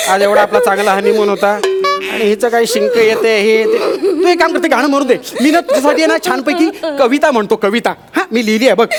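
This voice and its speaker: An actor playing a flustered, doting young husband in a stage comedy sketch. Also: male voice, high voice. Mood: coaxing. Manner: exclamatory and fussing. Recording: live stage with loud music and audience laughter.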